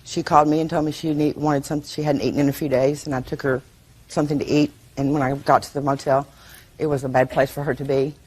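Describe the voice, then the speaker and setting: A woman's voice: sits low, flat delivery, fast talker, darkish tone, husky. A woman testifying as a plaintiff in TV court, plain and matter-of-fact. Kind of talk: answering a judge's questions.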